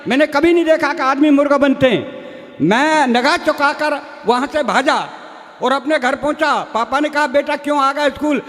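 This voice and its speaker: A man's voice: extremely high pitch, moderate pace, a bit bright. A man performing comic storytelling at a live poetry gathering, folksy and chatty, talking to the crowd like a brother. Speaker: comic poet on stage. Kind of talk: stage comedy storytelling. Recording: reverberant live PA sound.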